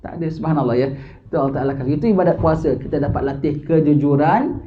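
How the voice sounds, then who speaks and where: A man's voice: a little high, fast, slight background noise. An older man with a Malaysian Malay accent, giving an informal religious lecture and asking his listeners questions. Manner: conversational, asks listeners questions, mixes in English. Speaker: religious teacher. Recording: dull lo-fi lecture recording.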